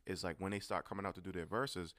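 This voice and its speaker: A man co-hosting a casual podcast chat, teasing his friends and quick to joke. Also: sits low, fairly even intonation, fairly bright tone, no echo. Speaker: podcast co-host.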